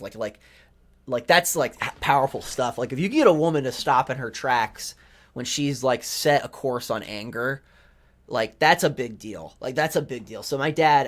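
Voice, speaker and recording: A young man hosting a podcast, telling a rambling, profane story about his family in a casual monologue, full of "like" and restarts. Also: mid-range voice. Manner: rambling, profane, self-interrupting with lots of "like". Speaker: podcast host, rookie stand-up comedian.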